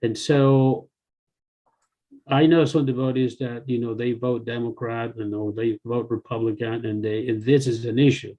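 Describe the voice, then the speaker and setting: A man in his sixties, born in El Salvador and raised in the US and Canada, talking haltingly with many fillers on a video call. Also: medium pitch, steady tone, dark tone, poor audio. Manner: hesitant, many fillers and restarts. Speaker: longtime devotee joining the call. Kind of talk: casual discussion on a video call. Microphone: video call computer mic.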